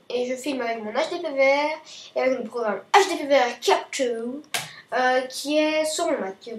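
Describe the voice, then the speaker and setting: A woman's voice: high voice, distant mic. A woman hosting live video game commentary, chatty and rambling, often correcting herself mid-sentence. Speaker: gaming channel host. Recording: echoey room, voice off-mic.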